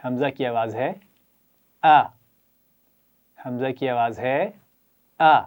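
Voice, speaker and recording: A man's voice: medium pitch, fairly even intonation, a little mellow. A man teaching children a Quran reading lesson with a Pakistani Urdu accent. He praises them often and leads them in repeating letters and sounds.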